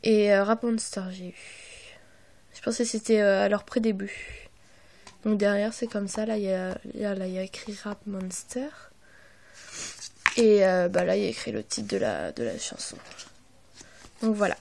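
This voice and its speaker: Soft-voiced young woman unboxing on a phone. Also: medium pitch, normal speed, vocal fry, pauses often, slight background noise. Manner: hesitant, apologetic, many fillers; often drops to a half-whisper. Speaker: vlogger. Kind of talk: casual unboxing narration.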